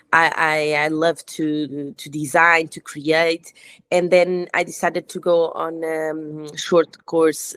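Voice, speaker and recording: A Portuguese-accented woman speaks English as a guest on an interview podcast. Her voice is low, and she talks haltingly, restarting her sentences often. The recording is dry and close. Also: no room sound. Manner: hesitant, many fillers and restarts. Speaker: guest, fashion entrepreneur.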